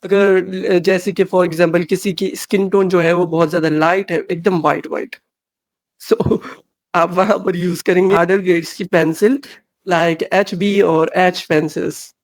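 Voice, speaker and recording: A man's voice: sits high, steady tone, measured pace, no room sound. A man narrating a drawing tutorial, switching between Hindi and English with many fillers and restarts.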